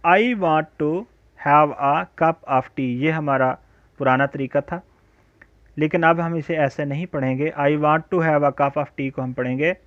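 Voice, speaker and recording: A man teaching an English lesson, drawing out his example sentences slowly and deliberately. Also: on the high side, fairly bright tone, dry recording. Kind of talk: recorded spoken-English lecture. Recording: dull, lo-fi home recording.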